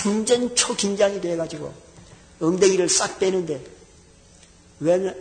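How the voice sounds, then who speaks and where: A male pastor preaching a sermon, telling a story and acting out the voices of the people in it. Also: sits high. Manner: animated storyteller acting out dialogue. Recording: long hall reverb.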